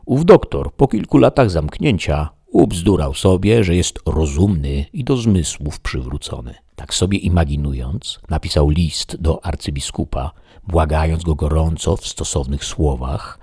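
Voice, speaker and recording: A man narrating an audiobook in a measured, even reading voice. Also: rumbling low, creaky, breathy edge, no echo, clean studio sound. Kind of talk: scripted narration.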